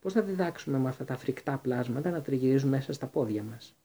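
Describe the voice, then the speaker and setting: Strict older lady professor, man voicing her, clipped and sharp, dark voice. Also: medium pitch, lively intonation, slight background noise, close to an everyday voice. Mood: indignant. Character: stern older female professor, indignant.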